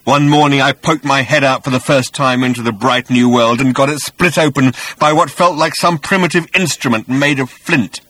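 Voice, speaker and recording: A man voicing a vengeful, reincarnated male creature spirit with a rumbling, rasping voice that is menacing and swells into furious bellowing. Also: steady tone, moderate pace, hardly any pauses, fairly bright tone, close to an everyday voice, poor audio. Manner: menacing, rising to shrieking fury. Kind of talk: audiobook character voice.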